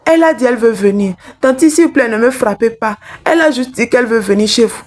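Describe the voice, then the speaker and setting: A small hungry girl pleads in a raised, childlike voice, as a woman puts her on. She sounds timid and anxious, never raising her voice far. The storybook tone stays gentle and earnest. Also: on the high side, expressive, fast talker, slight background noise, close to an everyday voice. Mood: frightened. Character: poor little girl selling plantains, timid and pleading.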